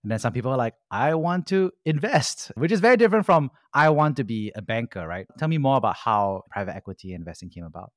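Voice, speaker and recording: A man hosting a podcast interview, asking questions in an upbeat, animated way. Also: medium pitch, quick pace, few pauses, no room sound, clean studio sound. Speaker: podcast host.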